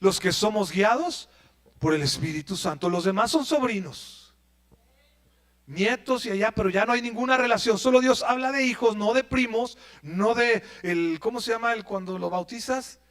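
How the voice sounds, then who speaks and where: A pastor delivers a sermon. He tells the scripture as a story and keeps questioning his listeners. His voice sits unusually high for a man. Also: normal speed, a bit bright. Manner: storytelling, asks the congregation questions.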